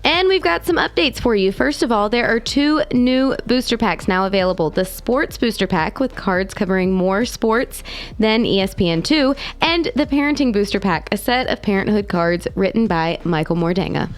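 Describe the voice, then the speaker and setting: A woman's voice: medium pitch, moderate pace. A woman speaking as the sidekick co-host of a morning radio show, in a casual, jokey style.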